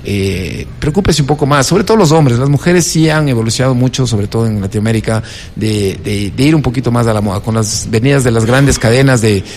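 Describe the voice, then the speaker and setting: Brief: man, mid-pitch, animated talker, long reverb, faint room noise. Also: brisk. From Ecuador. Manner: animated, acts out quoted dialogue. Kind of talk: casual conversation.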